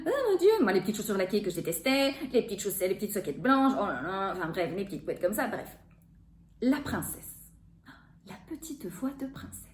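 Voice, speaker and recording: A woman in her forties, a voice therapist explaining a topic to viewers in an expressive, animated way. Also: medium pitch, a little fast, slight background noise. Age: 40s. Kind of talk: educational video talk. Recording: echoey room.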